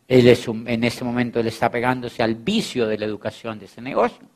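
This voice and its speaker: A man's voice: mid-range voice, a little fast. A man giving a motivational talk on network marketing, telling stories with playful teasing and acting out both sides of the conversations. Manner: animated storytelling, acting out both sides of dialogues.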